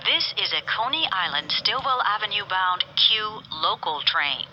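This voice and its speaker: A woman reading scripted public transit announcements in an airport-announcement style, enunciating clearly in formulaic, separate phrases. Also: mid-range voice, animated, unhurried. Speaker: automated subway train announcer. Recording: muffled train PA, background noise.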